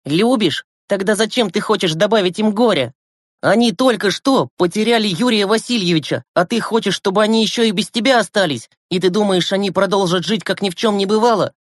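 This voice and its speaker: A man's voice: high-pitched, fairly quick, dry recording, clean studio sound, voice pushed up. A man doing a brash, impatient teenage boy. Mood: scornful. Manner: forceful, sharp, impatient.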